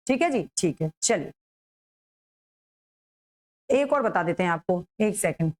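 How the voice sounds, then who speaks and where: A woman's voice: fairly low pitch, animated, a little slow, a little mellow, low-quality recording. A woman teacher giving an exam-prep grammar lesson, explaining patiently and asking and answering her own questions.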